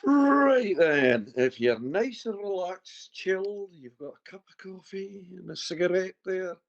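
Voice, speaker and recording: High-pitched, animated and a little slow, with a creaky edge, the Scottish medium keeps his one-to-one consultation casual and chatty, with some banter. His broad accent comes through a muffled, dull lo-fi recording with no echo.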